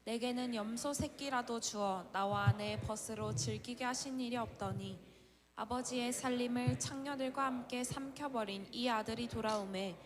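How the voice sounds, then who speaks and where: A woman's voice: fairly high pitch, normal speed. A woman reading scripture aloud with the congregation. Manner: reads scripture aloud in unison.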